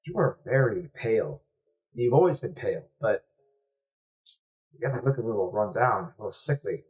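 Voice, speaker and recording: A man narrating a tabletop game as game master in a relaxed, descriptive way with casual fillers. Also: fairly low pitch, fairly quick.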